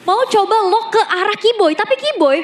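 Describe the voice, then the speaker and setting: High-voiced Indonesian woman commentating esports. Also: expressive, normal speed. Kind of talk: live match commentary. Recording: loud ambient arena noise behind. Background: loud venue noise.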